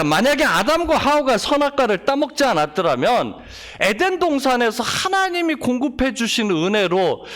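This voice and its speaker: A man preaching a Sunday sermon as pastor, reading scripture solemnly and asking the congregation questions. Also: sits high. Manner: lively, talks straight to the congregation with questions; reads scripture slowly and solemnly.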